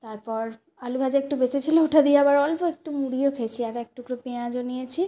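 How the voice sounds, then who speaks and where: A woman's voice: high voice, rapid-fire, mellow. A young woman with a Bengali accent chatting casually to her viewers about her day. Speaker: vlogger. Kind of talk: casual vlog narration.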